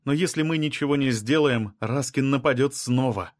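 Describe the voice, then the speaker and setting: A man's voice: medium pitch, moderate pace, no room sound, studio quality, pitched above the performer's own voice, close to an everyday voice. A male reader voicing an anxious, insistent woman scientist who keeps pressing with questions. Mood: pleading.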